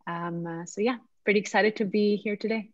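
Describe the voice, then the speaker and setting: A woman's voice: mid-range voice, fairly even intonation, brisk, no room sound. Woman from Serbia, recruiter on a panel; lo-fi, dead-dry call audio.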